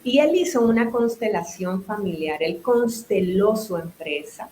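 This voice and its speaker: A woman's voice: medium pitch, animated, measured pace, warm tone, echoey room, slight background noise. A woman from Nicaragua, a business owner and psychotherapist, chatting as a guest in an interview and explaining at length with asides. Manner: talkative, explains with restarts and asides. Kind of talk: interview conversation.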